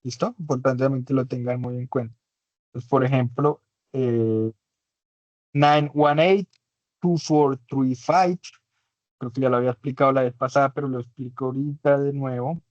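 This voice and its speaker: A man's voice: mid-range voice, little pitch movement, a little fast, darkish tone, no room sound, highs cut off. A man teaching an English class in Spanish, his first language, patiently explaining and checking understanding with tag questions. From Latin America.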